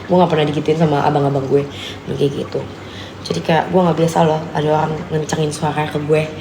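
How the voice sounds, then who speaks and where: A woman's voice: low-pitched, little pitch movement, fairly quick. A young woman, telling a personal story on a casual live stream and acting out the dialogue. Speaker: guest storyteller. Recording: echoey room with faint background noise.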